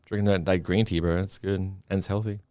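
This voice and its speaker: A man's voice: low-pitched, fairly even intonation, a little fast, a little mellow, clean tone, dry recording. An Australian man talking casually as a podcast guest, rambling with lots of fillers and restarts. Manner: rambling, many likes and restarts, swears. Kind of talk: casual chat.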